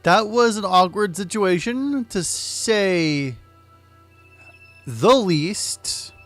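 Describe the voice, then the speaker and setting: A man's voice: sits high, expressive, very slow, a bit bright, soft background music. Blunt man commenting on gameplay. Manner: blunt, swearing, exclaiming. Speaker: let's play host.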